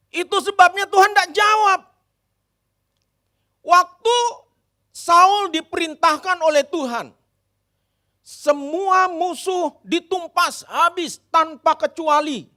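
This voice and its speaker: A male pastor from Indonesia delivers a sermon with animated, dramatic swings. His voice is high and bright. He keeps turning to address the congregation directly. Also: slow, long pauses.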